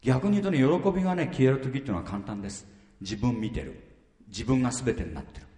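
A man's voice: medium pitch, expressive, fast, mellow. A man in his fifties preaching a sermon as pastor, full of rhetorical questions and repeated phrases. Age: 50s. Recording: reverberant hall.

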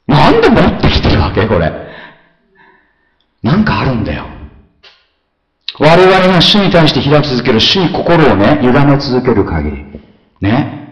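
A man preaching a sermon as pastor, animated, swinging between soft asides and loud exclamations, often asking his listeners questions. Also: mid-range voice, measured pace, pauses often, reverberant, poor audio. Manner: conversational, asks the congregation questions.

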